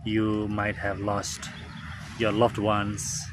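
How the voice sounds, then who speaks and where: Seated outdoors under a tree, a vlogger in his forties whose first language is Indonesian speaks reflectively to camera, slow, with many pauses and fillers. His voice is lowish and monotone, and birds, traffic and outdoor ambience come through clearly.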